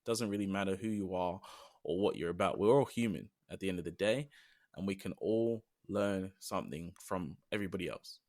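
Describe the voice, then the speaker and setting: A young British podcast co-host with a deep, darkish voice talks a little fast in casual chat. He comes across earnest and reflective, letting long phrases trail off.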